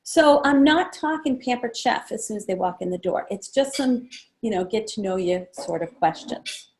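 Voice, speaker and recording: A woman running a sales training session, casual and chatty, acting out guest conversations in a livelier voice. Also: normal speed. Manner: acts out guest chats in a lively higher voice; casual, chatty, many fillers. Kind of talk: training talk to a small group.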